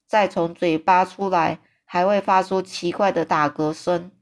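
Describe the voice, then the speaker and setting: A woman voicing a big friendly male giant who exclaims and stretches his words out slowly. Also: lowish voice, steady tone. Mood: excited. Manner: exclaiming, drawn-out slow emphatic phrasing.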